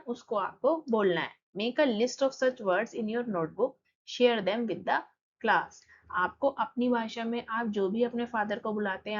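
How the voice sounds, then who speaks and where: A woman teacher with an Indian accent patiently walking students through textbook exercises, reading English lines aloud slowly and explaining them. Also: fairly high pitch, a little hiss or hum. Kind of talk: exercise walkthrough lesson. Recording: slightly dull lo-fi recording.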